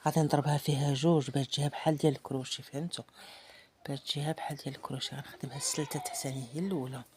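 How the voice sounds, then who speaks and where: Fast-talking Moroccan woman teaching embroidery. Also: low-pitched, background noise. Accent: Moroccan Arabic. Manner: chatty, thinks aloud while working, drops into murmurs to herself. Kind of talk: casual hands-on craft tutorial.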